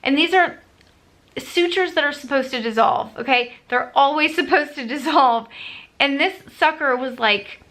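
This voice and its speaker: A woman's voice: high voice, normal speed, a bit bright. A young adult woman telling a story to camera in a casual vlog, chatty, acting out what others said. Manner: chatty, retells others' lines in quotes. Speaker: vlogger.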